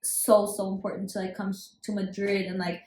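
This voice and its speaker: A woman in her twenties from Germany, a podcast guest who chats in a relaxed way with many fillers. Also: medium pitch, normal speed, slight background noise. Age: 20s. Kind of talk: casual chat. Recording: roomy echo.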